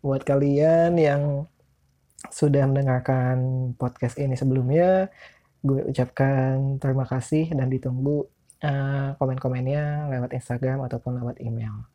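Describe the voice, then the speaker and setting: Male podcast host, Jakarta accent, dark mellow tone, can't roll his r's, loose and informal. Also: medium pitch, fairly even intonation, a little slow. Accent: Jakarta Indonesian. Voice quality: speech impediment on r, cannot roll his r's. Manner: informal, rambling, self-deprecating. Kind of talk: casual solo podcast chat.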